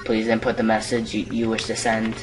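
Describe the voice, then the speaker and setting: A man's voice: lowish voice, completely flat delivery, a little fast, recorded from a distance, over music, lightly acted, poor audio. A man reading a formal quiz computer.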